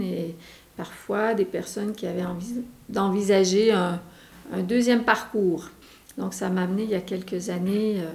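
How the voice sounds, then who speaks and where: Québécoise woman, gravelly, hesitant. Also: medium pitch, darkish tone. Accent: Québécois French. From Quebec, Canada. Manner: hesitant, many fillers and restarts. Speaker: co-founder interviewed as guest. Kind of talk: radio interview, casual explaining. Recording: echoey room.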